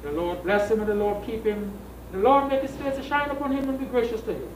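A middle-aged man, a priest, reading solemn funeral prayers in a measured, formal way with pauses. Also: high voice. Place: small indoor funeral service room. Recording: echoey room, distant mic, background noise.

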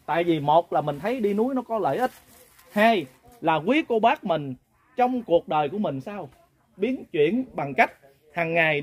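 A man's voice: high voice, husky. A man with a Southern Vietnamese accent leading a pilgrim group, telling a folksy, earnest story-sermon and often turning to his listeners. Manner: folksy, earnest, keeps addressing listeners directly. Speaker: pilgrimage group leader and lay preacher.

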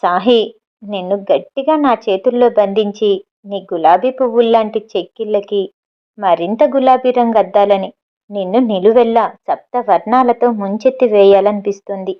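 A woman's voice: medium pitch, moderate pace, lo-fi sound, close to an everyday voice. Woman reading a teasing young man on the phone. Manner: teasing and affectionate. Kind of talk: audiobook novel reading.

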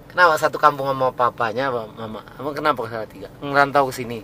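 A man's voice: medium pitch, fast, sharp tone, slight background noise. A man from Jakarta chatting and joking with a driver, asking him lots of questions. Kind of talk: casual chat.

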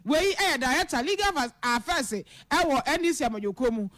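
A woman presenting the news in an emphatic newsreader manner, at times rising almost to a shout. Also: sits high, expressive, moderate pace, dry recording. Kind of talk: news reading.

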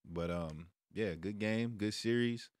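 Slow and on the low side, this American man in his thirties chats about sports to camera in an easygoing, slangy style, with a little hiss or hum in the audio. He streams and hosts a sports vlog from a small room at home, using a headset and a close microphone on a stand.

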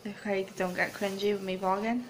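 At medium pitch with little pitch movement, a young woman talks a little fast in poor audio marked by a slight hiss or hum. Holding her phone camera at arm's length, she gives a rambling, giggly vlog chat that begins in a small flat and continues on a windy street.

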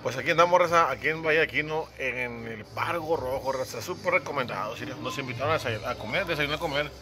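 A vlogger with a Mexican accent films a friend at a seafood restaurant, teasing him in casual chat and laughing often. He talks fast in a mid-range voice over music.

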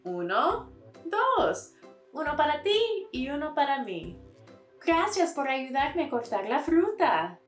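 A woman teaching Spanish to toddlers in a slow, sing-song, encouraging way, repeating simple words. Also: sits high, sing-song, echoey room, faint music behind.

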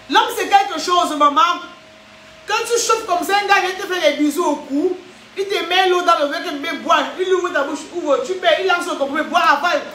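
A young woman talks casually and animatedly to her viewers, voice very high and bright. The recording is roomy with a faint hum behind. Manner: animated, acts out scenes, frequent "hein?". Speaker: vlogger. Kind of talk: casual chat monologue.

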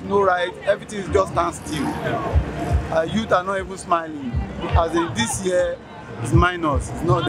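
A man's voice: sits high, rough recording. Emphatic Nigerian man in punchy phrases. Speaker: street interviewee. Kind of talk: vox pop answer. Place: roadside outdoors.

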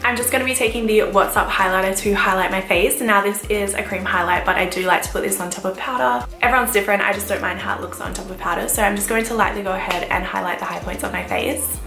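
A woman in her twenties vlogging her makeup routine in casual, enthusiastic chat, her voice croaky from the morning. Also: mid-range voice, fairly even intonation, fast, hardly any pauses, echoey room, music in the background. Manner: bubbly, enthusiastic. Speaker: beauty vlogger.

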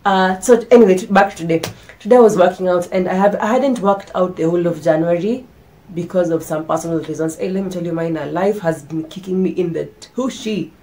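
Stuffed up and losing her voice, a young woman chats casually to the camera in her bedroom, often starting her sentences over. The low-quality recording captures a fairly low, dark-toned voice at a fairly quick pace, with the camera in front at medium framing.

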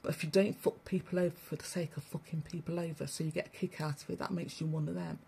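Blunt, gravelly woman ranting. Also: sits low, steady tone, quick pace, warm tone, slight background noise. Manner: blunt, swearing, preachy, addresses listeners as family. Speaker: spiritual broadcaster. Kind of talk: ranting livestream monologue.

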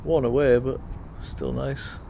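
A man strolling through a cemetery, musing aloud and reading gravestones in a casual, unhurried way. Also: mid-range voice, level tone, gravelly, warm tone. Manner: musing, reads gravestones aloud, frequent ums. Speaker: cemetery walking tour vlogger. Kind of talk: casual walking commentary. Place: outdoors in a cemetery. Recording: outdoor noise and passing traffic.

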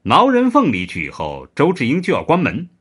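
Male storyteller reading a history serial, voice bouncing up and down a lot, expressive. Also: a little high, brisk, slightly rough. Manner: animated, expressive narration.

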